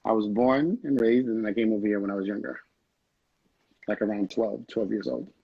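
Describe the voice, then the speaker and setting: Speaking briskly in a gravelly, husky voice on the low side with a steady tone, a young Haitian film director rambles casually through an interview, laughing often. It's a video call with no echo and dull, lo-fi audio.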